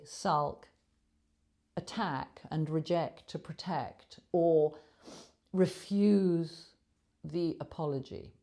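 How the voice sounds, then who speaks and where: A woman's voice: on the low side, creaky, dark tone. A woman author giving an earnest spoken lesson on emotions, emphatic and full of vivid images, recorded on a clip-on lapel mic. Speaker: author and shame teacher.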